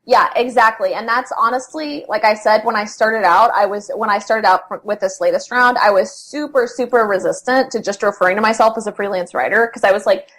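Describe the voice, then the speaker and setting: A woman's voice: mid-range voice, brisk, few pauses, fairly bright tone. A young adult woman talking as an interview guest about freelance writing, chatty, with lots of fillers and restarts. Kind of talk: casual conversational interview.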